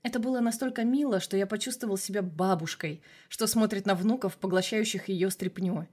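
A woman reading a first-person audiobook in an even, measured storytelling manner. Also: medium pitch. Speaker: audiobook reader.

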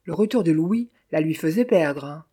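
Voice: mid-range voice, expressive, moderate pace, warm tone, slightly rough. A narrator voicing a coarse, bullying police captain who talks sarcastically and blusters. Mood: blustering. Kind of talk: audiobook character voice.

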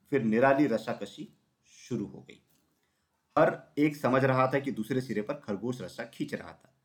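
A man narrating a children's storybook with expressive reading. His voice sits at an ordinary middle pitch for a man.

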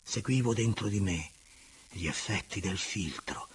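A man voicing a feverish, brooding young male lover with a low, hushed, intense delivery in a literary audiobook. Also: unhurried, husky.

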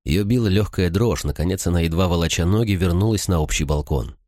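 Deep-voiced male audiobook narrator. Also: a little fast, no echo, clean studio sound. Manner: expressive storytelling. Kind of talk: scripted narration.

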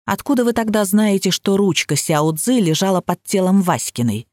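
A woman reading the part of a calm, authoritative male detective boss who speaks in measured, commanding tones. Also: high-pitched, no room sound, clean studio sound. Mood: probing.

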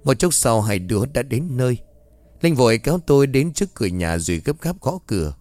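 A man reading a first-person horror story aloud in a slow, suspenseful narrating manner. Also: medium pitch, big pitch swings, darkish tone, no echo, soft background music.

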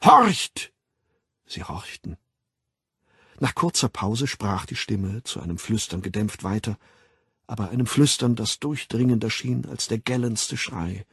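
A man narrating an audiobook in a measured, dramatic reading, recorded on a close studio mic. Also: fairly low pitch, slightly rough, no echo.

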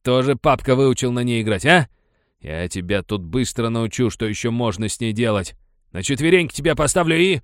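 A man voicing a furious, bullying male miner foreman who shouts coarse threats. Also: medium pitch, sing-song, slow, hardly any pauses, no echo, studio quality, voice pushed up. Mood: enraged.

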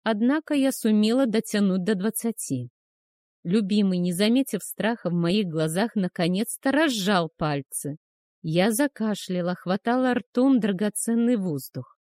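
A woman narrating a first-person fantasy romance audiobook in a soft, measured, emotional way. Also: mid-range voice, animated, no echo, studio quality.

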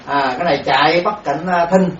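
A fairly high-voiced man giving a Buddhist dharma lecture, halting and repeating words as he sounds out syllables. He is heard from a distance in an echoey room, on a dull recording. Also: a bit bright, slight background noise. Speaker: Buddhist monk teacher.

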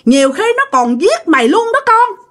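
A woman voicing a fanged female ghost who mocks and threatens a young couple in shrill, harsh scolding. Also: big pitch swings, normal speed, fairly bright tone, full character voice. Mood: scornful. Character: shrieking fanged female ghost, mocking and menacing.

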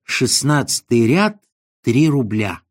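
A man's voice: mid-range voice, very animated, takes it slowly. A man reading an audiobook, voicing a timid, stingy older provincial man who grumbles hesitantly. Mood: grumbling.

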